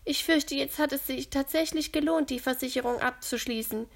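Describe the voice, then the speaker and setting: A woman's voice: high-pitched, normal speed, gravelly, pitched above the performer's own voice. Kindly old lady, as a woman puts her on. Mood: calm. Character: kindly elderly woman, dog owner.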